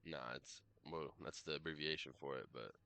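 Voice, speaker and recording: A man streaming a game in casual live commentary, rambling and hesitant with many fillers and self-corrections, coughing and clearing his throat now and then. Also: extremely low pitch, fairly even intonation, moderate pace, bright, forceful tone.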